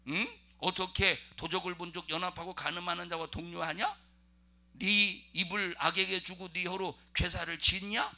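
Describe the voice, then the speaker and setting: A male pastor preaches in a church, his fairly high voice bright and edged with gravel. He keeps throwing questions to the congregation and hammers points home with sudden loud bursts. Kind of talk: sermon with congregational reading.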